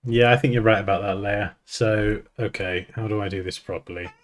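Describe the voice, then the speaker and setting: A man walks through a design tutorial. He chats casually, thinks out loud and cracks small jokes at his own expense. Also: fairly low pitch, fairly even intonation, brisk. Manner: chatty, thinks aloud, jokes at himself. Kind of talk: casual screen-recorded software tutorial.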